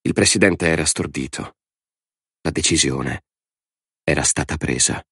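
A man narrating an audiobook in a measured, dramatic way. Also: a bass voice, fairly bright tone, husky, dry recording, studio quality. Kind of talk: scripted narration.

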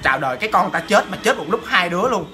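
A woman telling a ghost story in a chatty, animated way, talking straight to her listeners. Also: fairly low pitch, racing, soft background music.

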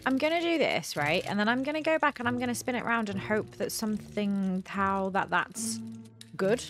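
Over soft background music, a young woman narrates a let's-play for her gaming channel, musing aloud and muttering playful jokes at her own expense. She speaks at a medium pitch and normal pace, with lively intonation and a somewhat bright tone.

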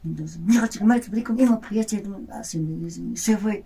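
A woman's voice: mid-range voice, brisk, mellow, slightly rough. A woman playing a henpecked old pensioner man who complains plaintively, in Andean Peruvian Spanish, in a comedy sketch. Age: over 60.

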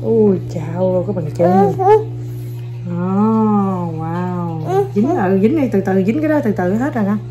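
A woman's voice: medium pitch, slow, muffled recording, background noise. A young mother, filming her kids and coaxing them, talking to viewers in a casual, playful way. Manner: coaxing, playful, repeats short commands to children.

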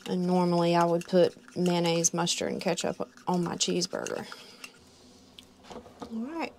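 A woman explaining her cooking step by step in a small camper, unhurried and casual. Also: fairly low pitch, fairly even intonation, creaky, darkish tone, a little hiss or hum. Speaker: vlog co-host cooking.

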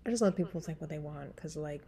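She's a singer vlogger in her thirties, casually chatting ahead of a cover song in a small room, speaking frankly into a webcam, rambling and laughing. Her smoky, husky low voice is mellow and quick, her nose stuffy, and there's slight background noise.

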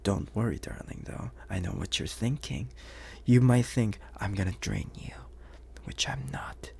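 A voice actor with a fairly low, darkish voice plays a suave, menacing, flirtatious vampire bounty hunter in an ASMR roleplay. He teases in breathy half-whispers with lingering pauses, sounding coaxing and explanatory.

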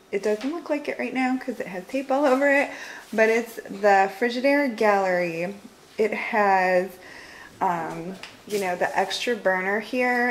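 A woman's voice: medium pitch, slight background noise, rough recording. A woman in her thirties giving a casual, upbeat home tour vlog, holding the camera in a large house and chatting with many fillers. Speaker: home vlogger. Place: large house with open living room and kitchen. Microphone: handheld camera, filming herself off screen.

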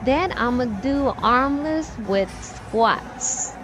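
A woman's voice: high-pitched, lively intonation, very slow, noisy background. A young woman in her twenties narrating a casual vlog voice-over, explaining each step plainly. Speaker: vlogger.

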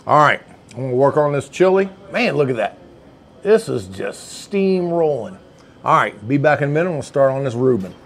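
A man's voice: mid-range voice, very animated, normal speed. A man, chatting casually as he reviews food in a deli, folksy and savoring each bite. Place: indoor deli dining room.

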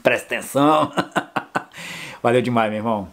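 Animated Brazilian man telling road stories. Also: mid-range voice, normal speed. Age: older. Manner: animated, jokey, colloquial storytelling. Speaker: motorcycle travel vlogger. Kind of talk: casual storytelling to camera.

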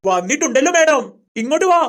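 A sly village henchman, as a performer puts him on, fast-talking and eager for cash. He fawns over his boss and turns gruff with his aunt. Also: high voice, big pitch swings, background noise, pitched above the performer's own voice. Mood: fawning. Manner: fawning to the madam, rough with his aunt.

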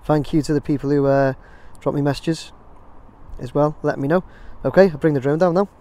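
In a casual, chatty vlog, an English-accented man rambles over his drone footage outside by a construction site, addressing viewers as "guys." His mellow voice sits on the high side, steady in tone and a little fast.

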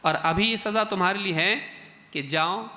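A man giving a colloquial, lively religious workshop talk, acting out exchanges between parents and children. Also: high-pitched, normal speed. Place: large mosque hall, indoors. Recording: reverberant mosque hall.

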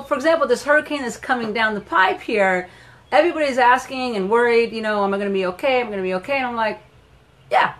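A middle-aged woman hosting a casual live stream from her home, animated and chatty, greeting viewers by name and laughing often. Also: on the high side. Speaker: live-stream host and wellness coach. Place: at home in Florida.

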